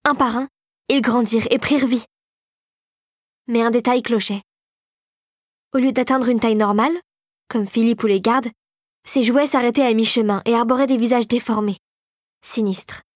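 Expressive woman storybook narrator. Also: a little high, normal speed, long pauses, no room sound, clean studio sound. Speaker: audiobook narrator. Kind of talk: scripted narration.

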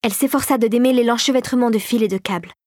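A woman narrating an adventure storybook in a dramatic, expressive way. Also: fairly high pitch, rapid-fire, dry recording, clean studio sound.

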